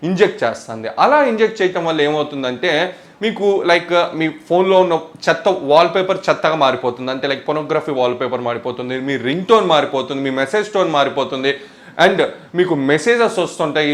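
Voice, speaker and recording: A young man, hosting a casual tech vlog in a chatty, animated way and mixing in English words. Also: a little high. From India. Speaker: tech YouTuber.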